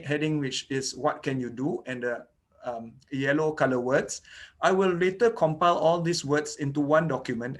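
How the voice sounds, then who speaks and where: In a slightly high, fairly bright voice, a native Malay-speaking man gives an indoor online lecture about children's teeth. He breaks the material into steps and keeps saying "okay" and "you know."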